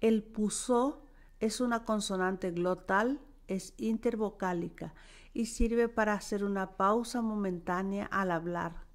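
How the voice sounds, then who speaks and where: A woman teaching a language lesson, dictating words and sounds one by one with careful pauses. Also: medium pitch. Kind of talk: slow, deliberate language lesson.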